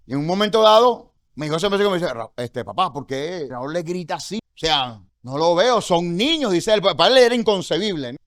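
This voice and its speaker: A man's voice: high voice, fairly bright tone, no room sound, clean studio sound. A Venezuelan man teaching a Bible study sermon, speaking conversationally and encouraging his listeners with many rhetorical questions. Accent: Venezuelan Spanish. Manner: exhorting, encouraging. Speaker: congregation teacher.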